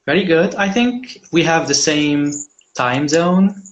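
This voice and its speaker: A man's voice: a little high, takes it slowly, dull audio, a little hiss or hum. A man hosting a live online mock job interview over a video call, speaking in a friendly, hesitant way with frequent fillers.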